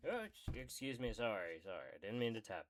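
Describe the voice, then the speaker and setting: A man's voice: on the low side, very animated, brisk, background noise. A man casually reading a book aloud, with swearing side remarks.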